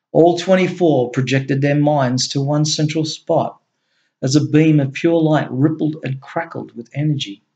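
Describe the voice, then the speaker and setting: A man reading his fiction aloud as storyteller in a measured way, with the odd slip and self-correction. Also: medium pitch, darkish tone, lo-fi sound. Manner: measured reading with small slips. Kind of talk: read-aloud fiction narration.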